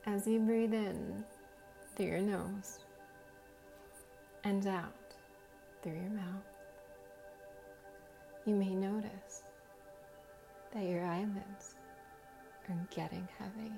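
A woman guiding a hypnosis relaxation in a slow, soothing, measured hypnotist manner, with long pauses and a soft voice that turns breathy at phrase ends. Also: medium pitch, steady tone, faint music behind. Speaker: guided hypnosis and meditation host.

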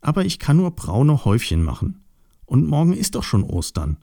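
A man's voice: a little high, wildly swooping pitch, normal speed, vocal fry, dark tone, no room sound, studio quality, pitched above the performer's own voice, exaggerated voice. A man doing a timid little Easter piglet. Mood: sad. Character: small shy colorful young piglet, sad and eager. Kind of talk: storybook voice acting.

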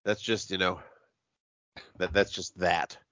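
A man with a stuffy, congested voice that sounds like he is inside a box, chatting casually and haltingly as a podcast host while sick. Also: sits low, level tone, sharp tone, dry recording, highs cut off. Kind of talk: casual horror movie review podcast chat.

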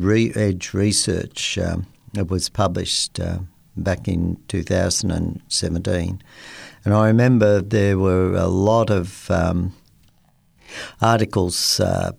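An older man hosting a science-and-faith program, talking slowly and haltingly with many fillers and restarts. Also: sits low, creaky, darkish tone, no room sound. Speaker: radio host. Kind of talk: unscripted talk about science and faith.

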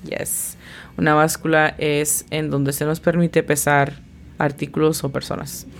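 A woman with a low voice leads a scripted language lesson at an unhurried pace. She is patient and spells out every pronunciation letter by letter. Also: level tone, a little hiss or hum. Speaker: English teacher and host.

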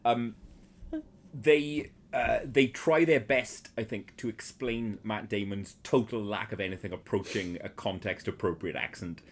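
A man in casual film chat, sardonic and full of swearing, with bursts of animated outrage. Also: fairly low pitch, unhurried.

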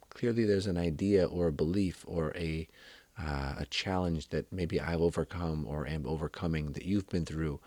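A man talking as a wellness coach in a reflective monologue, gentle and affirming, often checking in with the listener with "right?". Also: deep voice, no echo.

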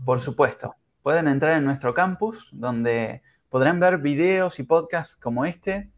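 A man teaching English pronunciation in a podcast lesson, speaking carefully and demonstrating sounds slowly. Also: fairly high pitch. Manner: slow, careful, exaggerated pronunciation drills.

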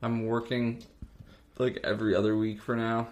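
A man's voice: mid-range voice, little pitch movement, normal speed, a little mellow. A young man co-hosting a podcast, chatting casually and rambling a bit. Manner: rambling, fake-ad delivery at times. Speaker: podcast co-host. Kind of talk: casual chat.

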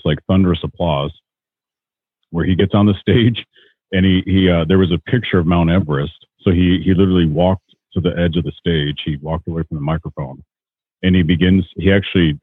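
Podcast host, male, low and raspy, exhorting; dry, phone-quality call audio. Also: dry recording. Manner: earnest, exhorting. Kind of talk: motivational podcast talk.

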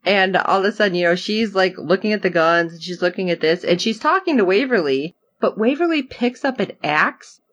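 Woman, podcast co-host, casual episode recap, very lively pitch, acts out her reactions. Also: fairly quick, few pauses, muffled recording.

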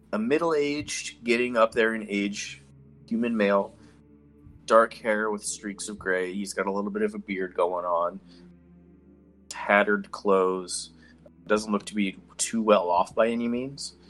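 A man's voice: lowish voice, a bit bright. A man narrating as game master in a tabletop game, easygoing and descriptive. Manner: easygoing, descriptive with fillers like "kinda".

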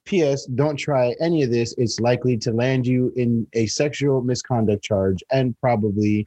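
A man's voice: mid-range voice, moderate pace, mellow, no room sound. A man co-hosting a podcast, reading comments and teasing in a dry, casual way. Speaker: podcast co-host.

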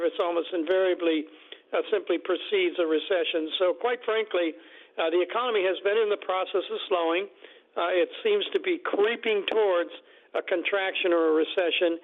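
A man speaking as an economist guest in a radio interview, deliberate, with many fillers and restarts. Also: high voice. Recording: tinny phone line.

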